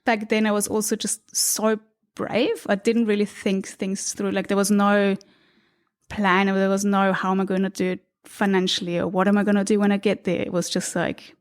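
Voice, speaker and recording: A woman's voice: medium pitch, level tone, normal speed. A woman from Austria, in her thirties, talking reflectively as a podcast guest recorded in an apartment, laughing lightly now and then. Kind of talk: relaxed conversational interview. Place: apartment indoors.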